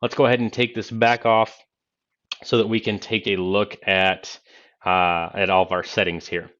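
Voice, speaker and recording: A man who presents product review videos gives a casual, step-by-step demo from a small indoor office. His voice is on the low side, level and fairly bright at normal speed, captured by a Bluetooth headset mic with dull lo-fi sound.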